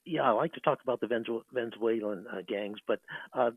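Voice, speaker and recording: A man calling in to a radio show over a phone line, talking in a rambling, halting way with many fillers. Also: mid-range voice, breathy edge, no echo. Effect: phone-line caller on a radio show. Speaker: caller. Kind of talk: rambling call-in commentary.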